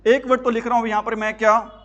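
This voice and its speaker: A man's voice: very high-pitched, flat delivery, fast talker, a bit bright, lo-fi sound. A man teaching grammar for job exams, asking his class questions and answering them himself with repeated emphasis. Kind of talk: classroom lecture.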